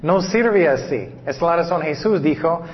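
A man preaching a sermon, reading scripture slowly and deliberately, with hesitant pauses and frequent fillers. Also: a little high, expressive. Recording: dull recording with long reverb.

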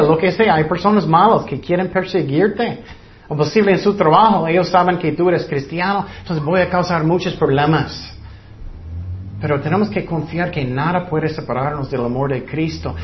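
Male preacher, high voice, plain repetitive sermon delivery, dull lo-fi recording.

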